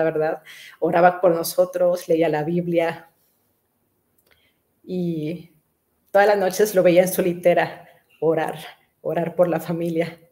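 A woman's voice: fairly low pitch, a little mellow. A middle-aged woman, a pastor, telling her life story in an earnest conversational way, often repeating herself and asking "right?". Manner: earnest storytelling with frequent "¿verdad?" tags and repetitions. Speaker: pastor and businesswoman, interview guest. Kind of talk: personal testimony in conversation.

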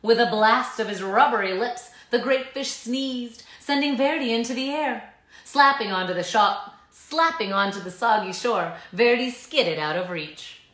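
Reading a children's story aloud dramatically, a woman in her thirties speaks at a moderate pace in a slightly high, somewhat bright voice. The small living room gives the recording an echoey quality.

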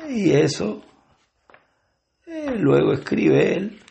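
A man with a Puerto Rican accent preaching at a Bible study. He reads scripture aloud and then explains it, with frequent pauses. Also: sits high, very animated, creaky, mellow, a little hiss or hum. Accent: Puerto Rican Spanish. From Puerto Rico. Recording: dull lo-fi sermon recording.

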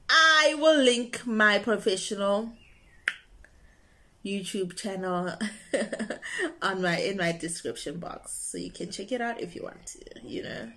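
Bubbly young female opera singer, casual vlog delivery, quick to laugh. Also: mid-range voice, a little hiss or hum. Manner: bubbly, expressive, laughs and breaks into singing. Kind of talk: casual chat to camera.

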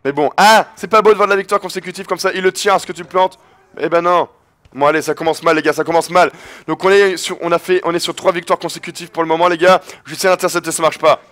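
A man giving excited live commentary over a basketball video game as the host of his channel, his voice worn from shouting, breaking into triumphant yells. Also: a little high, quick pace.

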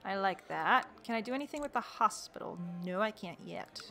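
A woman's voice: medium pitch, lively intonation, fairly quick, a bit bright, faint music behind. A woman casually commenting on her strategy game, exasperated and joking, talking to the characters and laughing often. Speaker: let's play gamer.

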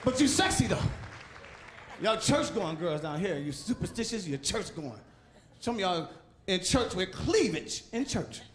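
High-voiced, animated stand-up comedian. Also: male voice, unhurried. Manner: loud, animated, acts out characters with shouted sound effects. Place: comedy club stage. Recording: echoey club recording with crowd laughter and noise. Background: audience laughing.

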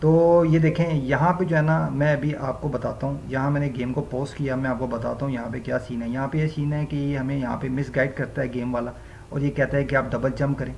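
A man's voice: medium pitch, steady tone, brisk, creaky, darkish tone, muffled recording, slight background noise. A man hosting a gaming channel, talking viewers through gameplay step by step and leaning on the same filler phrases again and again. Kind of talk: gameplay walkthrough commentary.

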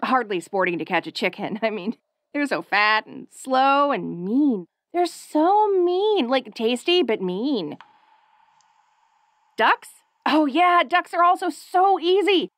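Bubbly young wolf girl, female performer, audio role-play. High, very animated, perky, curious, playful and excitable. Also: slow, dry recording, studio quality, full character voice. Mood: bubbly, chatty.

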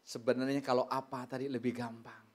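A middle-aged male pastor delivering a sermon with plenty of storytelling. His voice leaps up into loud, high exclamations and then drops to hushed, low remarks, keeping the congregation engaged. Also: little pitch movement, brisk.

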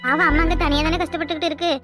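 A woman's voice: extremely high pitch, little pitch movement, rapid-fire, fairly bright tone, faint music behind. A woman voicing a cheeky, earnest young village girl in a cartoon, with a Kanyakumari Tamil accent. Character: young unmarried village girl, spirited and fond.

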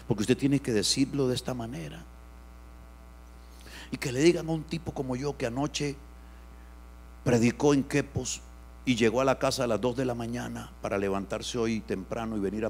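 Man preaching with loud-soft swings. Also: mid-range voice, slight background noise. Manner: animated preaching with sharp swings from loud to hushed. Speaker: pastor. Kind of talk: sermon.

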